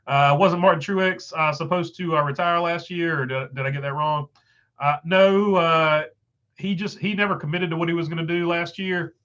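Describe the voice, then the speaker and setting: This man's voice sits on the high side with fairly even intonation, a normal speed, and a fairly bright tone, though the audio is dull. Congested and losing his voice, he rambles casually through viewer comments on his livestream, using lots of fillers.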